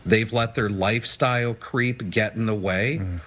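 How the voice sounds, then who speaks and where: A man's voice: fairly low pitch, steady tone, normal speed, a bit bright. A man giving emphatic, upbeat financial advice as a guest in a TV news interview. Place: TV studio or remote video link.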